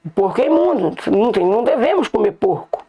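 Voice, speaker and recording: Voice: mid-range voice, big pitch swings, quick pace, creaky, mellow, slightly rough. A bible teacher with a Brazilian Portuguese accent, giving an informal online sermon and often calling the listeners brothers while repeating points.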